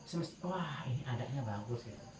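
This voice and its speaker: A man with a medium-pitched, darkish voice and lively intonation gives a casual tajwid lesson, teaching Quran recitation rules at a brisk pace. Chatty and laughing through anecdotes, he often breaks into melodic chanting to demonstrate. He's heard from a distance in a roomy space with faint crickets and slight background noise.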